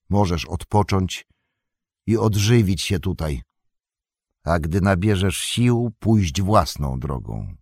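A man voicing a young male hobbit who is calm, firm and merciful, speaking earnestly in an audiobook reading. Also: deep voice, husky, dry recording, clean studio sound, heavily acted. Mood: kind. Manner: earnest and commanding, raised voice.

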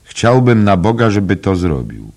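A man voicing a sardonic, hot-tempered gentleman with a dry manner, in an audiobook reading. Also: rumbling low, expressive, normal speed, voice pushed up. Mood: scornful.

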